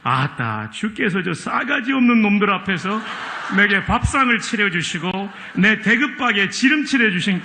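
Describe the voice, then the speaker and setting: A pastor reading a psalm in a put-on Jeolla dialect, with drawn-out exclamations and laughter. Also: male voice, high voice, sharp tone, slight background noise, pitched above the performer's own voice, full character voice. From Chungcheong, Korea.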